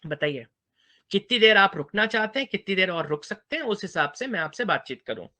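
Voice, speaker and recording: A man's voice: high voice, very animated, brisk, bright, forceful tone. A man giving a university English lecture, mixing two languages, who keeps checking that students understand. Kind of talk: bilingual classroom lecture.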